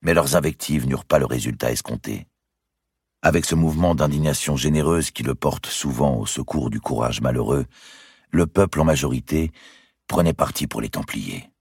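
Very deep gravelly male narrator. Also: darkish tone, dry recording, clean studio sound. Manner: measured storytelling. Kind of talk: dramatic audiobook narration.

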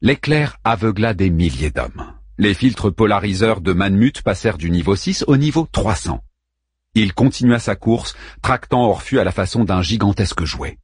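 A man narrating an audiobook in a steady, measured way. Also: on the low side, husky, dry recording, studio quality. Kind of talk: scripted narration.

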